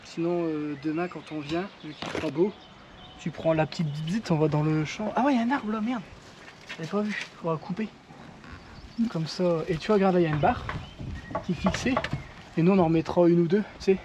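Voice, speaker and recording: A man's voice: on the high side, fairly quick, long pauses, noisy background. A man explaining his home renovation work outdoors in a casual, chatty way, with loose swearing. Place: outdoors at a rural property.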